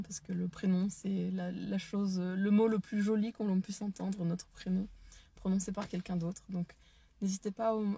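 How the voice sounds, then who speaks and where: A woman's voice: mid-range voice, gravelly, warm tone, a little hiss or hum. A French-speaking woman hosting a casual live stream, enthusiastic but hesitant, with many fillers and restarts. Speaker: live stream host, dance and neurotraining teacher. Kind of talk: casual Facebook live talk.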